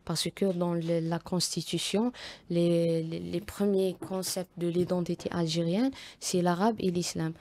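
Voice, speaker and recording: This guest author is a young adult woman from Algeria who is Tamazight. Speaking in a low, soft, dark voice with fairly even intonation, she answers the interviewer hesitantly, often restarting and using fillers.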